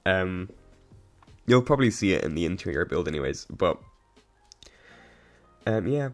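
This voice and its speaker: A man with a hoarse, coughing voice gives a casual, rambling voice-over about a game build, with lots of ums, restarts and giggles. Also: sits low, sing-song, measured pace. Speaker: game builder narrating a speedbuild. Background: faint background music.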